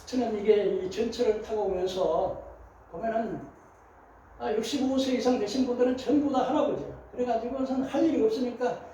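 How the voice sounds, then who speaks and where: A man's voice: very high voice, moderate pace, a little hiss or hum. Older man preaching in an echoey church. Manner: animated preaching with acted quotes, shifting loud and soft. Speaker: pastor. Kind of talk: sermon. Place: large church sanctuary. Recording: roomy echo, voice from far off.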